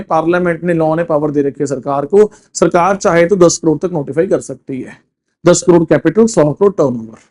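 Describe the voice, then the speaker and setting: High, mellow-voiced male law teacher. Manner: mixes Hindi and English, asks and answers his own questions. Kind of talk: classroom lecture.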